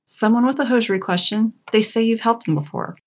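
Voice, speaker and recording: A woman's voice: on the high side, fairly quick, dull audio, pitched above the performer's own voice, close to an everyday voice. A woman voicing a teasing young shop coworker. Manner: knowing, teasing.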